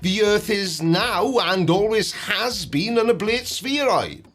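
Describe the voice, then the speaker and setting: A man's voice: sits high, expressive, slow, a bit bright. A man giving a scripted debunking commentary in a sarcastic, mocking way, with dry asides. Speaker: host of a debunking video.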